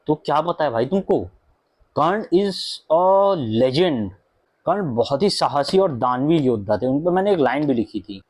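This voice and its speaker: A man's voice: a little high, a little mellow, no room sound. A young man reviewing a book in a casual home vlog, chatting in a loose mix of Hindi and English with plenty of fillers and asides. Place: indoor room at home with a fan running.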